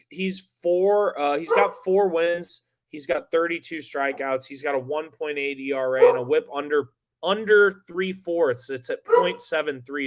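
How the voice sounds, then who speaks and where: A young man co-hosting a fantasy baseball podcast in a casual, excitable way, full of filler words. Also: mid-range voice. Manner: casual, excitable, lots of likes and yo. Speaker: co-host.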